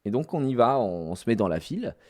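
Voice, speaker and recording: Male streamer in his thirties, loose slangy storyteller, lively voice that leaps up and down. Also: mid-range voice, fast talker. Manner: rambling, many fillers and restarts, slangy. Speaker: streamer recounting a theme park outing. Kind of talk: casual live-stream storytelling.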